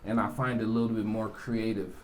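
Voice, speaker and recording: A man from Jamaica, a rapper, talking casually in an interview, relaxed and rambling with many asides. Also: on the low side, fast talker, a little hiss or hum. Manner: relaxed, rambling, with frequent "you know" asides.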